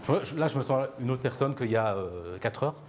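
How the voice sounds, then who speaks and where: A young Belgian man, interviewed, gives a personal testimony that is reflective and hesitant, full of fillers and restarts. His medium-pitched voice is animated and brisk, with a little hiss or hum in the recording.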